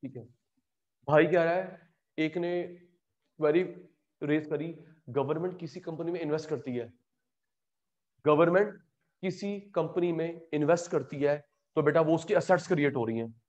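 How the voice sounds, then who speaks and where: A high-voiced man teaches an online economics class and keeps firing quick questions at his students. He scolds and teases them bluntly. The audio is dull and lo-fi, like an online class. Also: a little mellow. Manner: drills students with rapid call-and-response questions. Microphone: earphone in one ear, online class.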